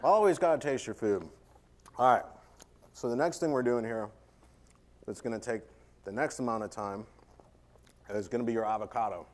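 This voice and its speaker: Speaking at normal speed in a mid-range voice with long pauses, a chef runs a live cooking demonstration as a conference keynote. He keeps it playful with the audience, chatty, jokey and self-deprecating.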